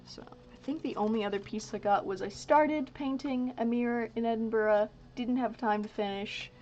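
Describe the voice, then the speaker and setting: This casual painting stream features a Dutch-native woman in her twenties with a fairly high, darkish voice, speaking at normal speed with fairly even intonation. She rambles and mutters asides as she works. Her dull lo-fi audio carries a little hiss or hum and faint ambience.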